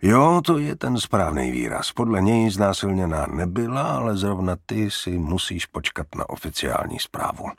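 A man's voice: sits low, big pitch swings, vocal fry, hardly any pauses, no echo, studio quality, full character voice. A man reading an audiobook, voicing a curt, guarded middle-aged police captain.

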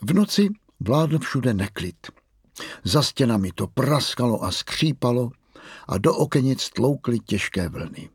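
A man narrating a children's storybook in an expressive, lively way. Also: medium pitch, husky, no room sound, studio quality. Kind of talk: storybook reading.

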